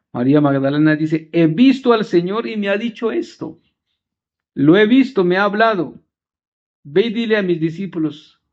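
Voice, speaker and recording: Earnest male priest preaching a homily. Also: a little high. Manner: earnest preaching in short phrases, slowing for emphasis. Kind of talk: homily from the pulpit. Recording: dull lo-fi recording.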